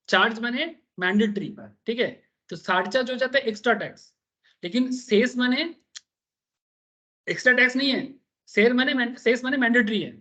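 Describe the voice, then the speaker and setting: A man's voice: very high voice, pushed and bright. A man giving a chatty, wandering classroom lecture on tax and often checking in with his students. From Bengal, India. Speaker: tax teacher.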